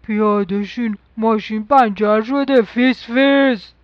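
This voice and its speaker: A woman voicing a caring papa ghoul, grown male monster, in a lowered voice, in dull, dry audio. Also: no echo, lightly acted. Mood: fatherly.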